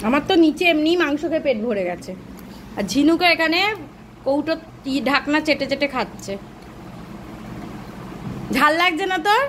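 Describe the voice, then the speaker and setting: A woman's voice: sits high, animated, normal speed, long pauses, a bit bright. A young woman from Kolkata with a Kolkata Bengali accent, chatting casually to her phone camera at home in a vlog. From Kolkata, India. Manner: chatty, narrates family moments to the camera. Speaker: lifestyle vlogger. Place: family home, indoors. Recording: noisy home phone recording.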